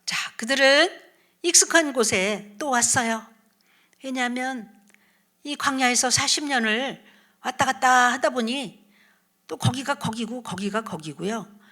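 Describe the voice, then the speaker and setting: A woman evangelist telling a Bible story to children, animated, asking questions and dropping into soft whispered asides. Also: fairly high pitch, measured pace.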